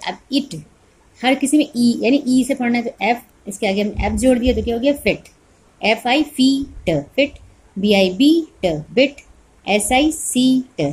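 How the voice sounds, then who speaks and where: Woman teacher, husky tone, patient phonics drill for kindergarteners, spells letters then reads the word. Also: mid-range voice, darkish tone. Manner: spells words letter by letter, then says them slowly; asks questions and answers them herself. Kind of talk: online kindergarten phonics lesson.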